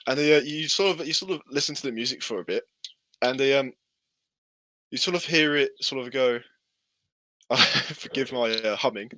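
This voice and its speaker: A man's voice: medium pitch, moderate pace, long pauses, pushed and bright, dry recording. A man narrating a tabletop game as game master, hesitant and full of fillers.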